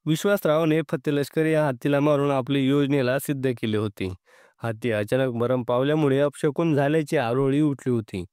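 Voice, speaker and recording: Male narrator for a historical audiobook, smooth and resonant, steady delivery. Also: medium pitch, no room sound, studio quality. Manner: steady, measured reading. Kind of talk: scripted storybook narration.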